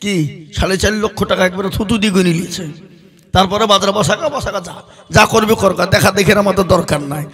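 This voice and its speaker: Middle-aged male preacher; high, half-chanted sermon delivery that rises loud and drops soft. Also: a little fast, breathy edge. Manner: rhetorical questions to the crowd, listing in rhythmic runs; half-sung cadence, swings from loud to soft. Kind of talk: sermon at an open-air religious gathering.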